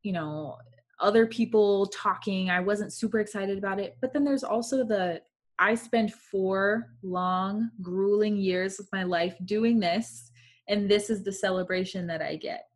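A woman's voice: mid-range voice, a little slow. A woman in her twenties chatting casually and reflectively as a guest, with many fillers. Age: 20s. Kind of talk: casual chat.

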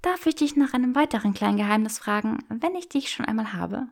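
A woman's voice: a little high, lively intonation, fast, vocal fry, pitched above the performer's own voice. A woman voicing a playful, bold young witch who teases and often whispers. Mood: teasing.

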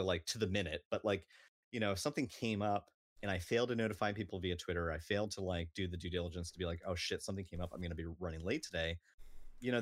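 A man's voice: on the low side, no echo, clean studio sound. A man in natural unscripted talk, a streamer on a panel thoughtfully explaining his view with examples.

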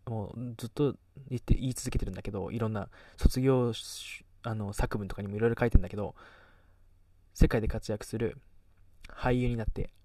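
A man's voice: on the low side, fairly even intonation, a little fast, dark tone, no echo, distant mic. A nineteen-year-old man from Kagoshima with a light Kagoshima accent, chatting casually as a podcast host, rambling and losing his thread. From Kagoshima, Japan. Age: teens. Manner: rambling, self-deprecating, trails off mid-thought. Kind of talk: casual chat.

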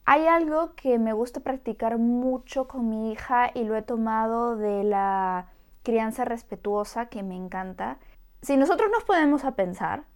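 A woman hosting a motivational podcast, speaking in an expressive, encouraging way to her listeners. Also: a little high. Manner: expressive and encouraging, acts out voices of adults soothing children. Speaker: podcast host.

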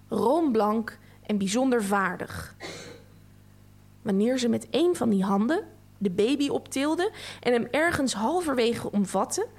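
Woman reader, unhurried and fairly high-voiced, expressive literary reading.

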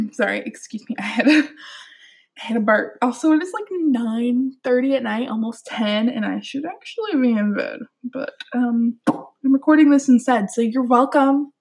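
A woman's voice: on the high side, moderate pace, a little mellow. A young woman chatting casually about books at home at night, giggly, rambling and poking fun at herself. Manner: giggly, rambling, self-deprecating. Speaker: book reviewer. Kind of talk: casual chat.

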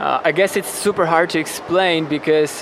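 A man from western Ukraine, speaking with an Eastern European accent, appears as a podcast guest in a casual interview. His voice is a little high and fairly quick, and he sounds relaxed and reflective, with some background noise.

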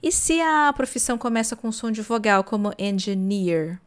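A Brazilian woman with a Brazilian Portuguese accent, a native Portuguese speaker, teaching English in a podcast lesson, explaining slowly and demonstrating pronunciation. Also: a little high, expressive, smooth.

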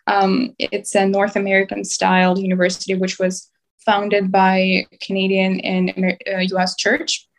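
A young woman from Ukraine, a podcast guest, speaking thoughtfully in a halting conversational way with frequent fillers. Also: medium pitch, completely flat delivery. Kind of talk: conversational interview.

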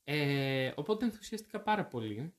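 A young man from Greece chatting as a guest, telling animated stories and correcting himself as he goes. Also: medium pitch. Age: young adult. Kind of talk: casual chat.

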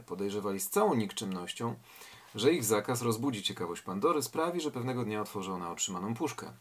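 Husky-voiced man reading and reflecting. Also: medium pitch. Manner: reflective, asks rhetorical questions. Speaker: reader and literary commentator. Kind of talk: story reading with commentary.

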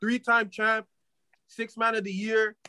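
A man's voice: sits high, little pitch movement, measured pace, sharp tone, smooth, no room sound. A young man in casual sports banter, slangy and opinionated as one of the panelists.

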